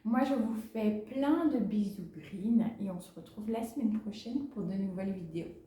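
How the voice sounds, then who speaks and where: Brief: woman plant vlogger, mellow voice, chatty and halting, echoey room at home. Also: medium pitch, slight background noise. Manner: chatty, hesitant with many fillers, laughs easily. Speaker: plant vlogger, channel host. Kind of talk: casual chat to camera, showing plants. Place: home, indoors.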